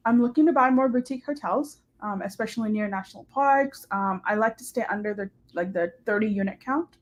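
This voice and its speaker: Her voice is a little high and her speech a little fast: a young woman, a short-term rental host and hotel manager, guesting on a live-streamed interview. She keeps things chatty and upbeat, sprinkling in plenty of "like" and "um."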